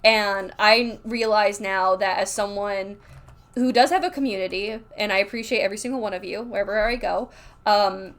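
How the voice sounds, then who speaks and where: A woman's voice: mid-range voice, fairly even intonation, normal speed, fairly bright tone. A woman livestreaming while drawing, rambling candidly in casual chat, full of filler words, reading chat aloud and reacting.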